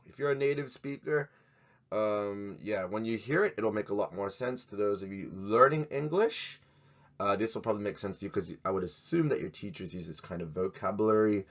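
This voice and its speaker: A man teaches grammar to the camera in a jokey, animated manner. His voice sits low and his delivery keeps swinging between loud and soft. The recording sounds dull and lo-fi. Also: brisk. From Australia. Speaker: English teacher. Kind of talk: playful video lesson.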